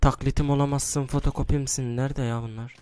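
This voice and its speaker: A young man giving casual commentary while he plays a shooter game, mostly hushed because it is late at night, with sudden excited outbursts and groans. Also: medium pitch, fairly quick, slight background noise. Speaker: gaming YouTuber. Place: room at home at night.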